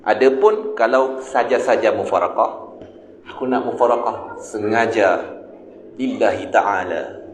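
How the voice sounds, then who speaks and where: A man's voice: lowish voice, slight background noise. A man with a Malaysian Malay accent giving a mosque lecture on a religious text. He asks his listeners questions and answers them himself. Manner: demonstrates sung and drawn-out recitations. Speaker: religious teacher. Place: mosque hall. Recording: echoey room, faint ambience.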